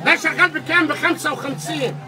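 High-pitched Egyptian market seller, haggling man. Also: fast talker. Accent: Egyptian Arabic. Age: middle-aged. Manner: haggling Arabic market-trader patter, loud repeated prices. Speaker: clothing shop seller. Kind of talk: market sales pitch, calling out prices. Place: indoor clothing shop, standing. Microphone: phone camera a few steps away. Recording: far from mic, busy shop chatter.

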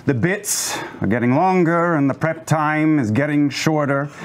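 A man giving an impassioned comedic rant as a mock sponsor speech, building to shouts. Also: fairly high pitch, unhurried, very noisy.

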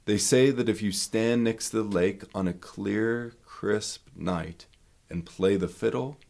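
A man's voice: lowish voice, takes it slowly, vocal fry, darkish tone. A man narrating a local folk legend in a storytelling way, swelling for the big moments and dropping in punchy asides. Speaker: museum staff member telling local lore.

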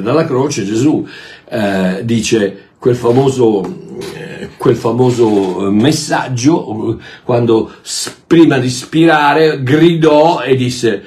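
A man delivers a sermon with emphatic force and keeps asking rhetorical questions. His voice sits at a middle pitch and jumps between loud bursts and soft, muttered asides. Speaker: preacher.

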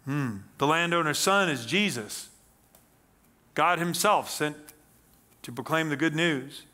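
A middle-aged man preaching on a church stage, reading scripture and explaining it with animated emphasis. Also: a little high, unhurried. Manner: animated, gesturing, reads scripture aloud then explains. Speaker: pastor. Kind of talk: sermon.

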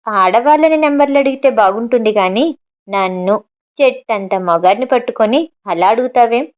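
A woman's voice: on the high side, moderate pace, highs cut off, lightly acted. A woman voicing a playful, secretive young man on the phone in her own voice.

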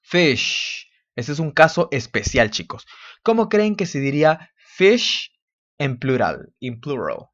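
A man, teaching an English lesson in a lively way and often checking in with his students. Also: a little high, slow, no echo. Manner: animated, repeats words, checks in with "¿ok?". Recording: dull, dry close recording.

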